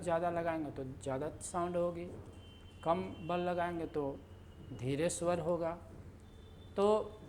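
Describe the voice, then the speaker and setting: A woman teaching a grammar lesson in a slow, explanatory way, with many fillers and repeated example sentences. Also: on the low side, a little mellow, slight background noise. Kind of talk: lecture.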